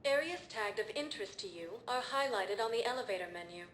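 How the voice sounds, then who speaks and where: A woman voicing a calm female station computer announcer who gives polite, even elevator announcements. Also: fairly high pitch, brisk. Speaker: automated elevator guide. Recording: echoey game audio with background noise.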